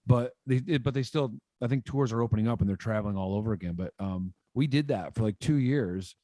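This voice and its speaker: Speaking fast in a lowish voice, a Michigan musician in his thirties rambles through stories as a guest in a casual interview, full of "like" fillers and gestures. He joins by video call from a room in his home. His boom-arm studio mic captures him with no echo.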